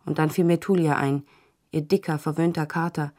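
A woman with a low-pitched voice reads a literary novel aloud in the first person. Her delivery is measured and even, in the manner of an audiobook narration.

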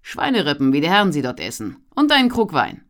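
A narrator voicing a jovial, stocky peddler in his thirties, calling out loudly and cheerfully in an audiobook. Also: huge pitch swings, quick pace. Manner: loud, cheerful, booming calls. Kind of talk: audiobook character voice.

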